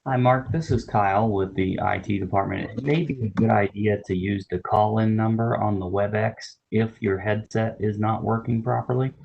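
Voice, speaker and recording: A man speaks over a web conference call, his low voice gravelly with fry. The audio is dull and lo-fi. He gives calm, helpful technical instructions. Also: normal speed, few pauses, slight background noise. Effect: heard over a web conference call. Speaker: IT support staff. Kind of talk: remote meeting call.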